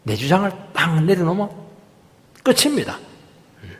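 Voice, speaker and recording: A man preaches in a church sanctuary, his fairly high voice leaping up and dropping low in lively swings. He presses his points with sudden loud peaks, then falls almost to a hush. A long reverb trails every phrase. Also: normal speed. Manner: emphatic preaching with sudden loud rises and hushed drops. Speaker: pastor. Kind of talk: sermon.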